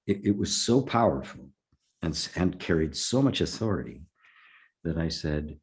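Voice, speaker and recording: An older man, a spiritual teacher, telling a personal story in conversation, halting and repeating words with soft laughs. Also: extremely low pitch, expressive.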